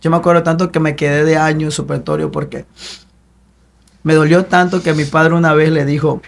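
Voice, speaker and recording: A man's voice: fairly high pitch, level tone, fairly quick, vocal fry. Earnest young man giving testimony. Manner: earnest, repetitive, preacher-like cadence. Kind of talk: emotional personal testimony.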